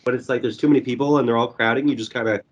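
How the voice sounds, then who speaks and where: A young man chats casually on a podcast while reviewing a movie, rambling with plenty of fillers and swearing. His mid-range voice is hoarse and going, steady in tone but very fast, and the audio is dull.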